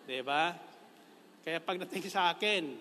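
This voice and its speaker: A man's voice: on the high side, measured pace, bright, forceful tone, long reverb tail, slight background noise. A Filipino-accented man preaching a sermon in a jokey way, laughing often and slipping English phrases in.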